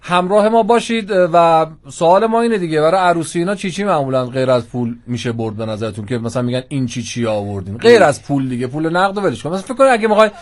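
A man's voice: a little high, animated, few pauses. A man hosting a radio talk show, chatting and teasing his co-hosts. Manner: playful, teasing. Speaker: radio host. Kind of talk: joking radio chat.

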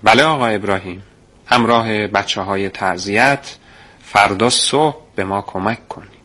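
Style: calm secretive man, as a male narrator voices him. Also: on the low side. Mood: calm, confiding. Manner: reassuring, hushed and confiding. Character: calm secretive middle-aged man recruiting a boy.

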